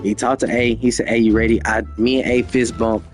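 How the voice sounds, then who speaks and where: A man's voice: medium pitch, level tone, fairly quick, soft background music. A young man telling a story from his own life, with lots of slang and profanity, acting out the dialogue himself. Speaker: storyteller, channel host. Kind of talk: casual storytime monologue.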